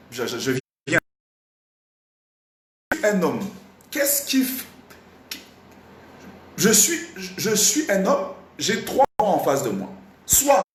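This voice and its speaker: A slightly hoarse man leads a live singing class in a roomy, echoing space with faint noise behind him. His voice sits a bit high for a man. He talks in an animated, repetitive way and keeps asking his students whether they follow. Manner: animated, repetitive, questions the audience. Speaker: singing teacher. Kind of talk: live online singing lesson.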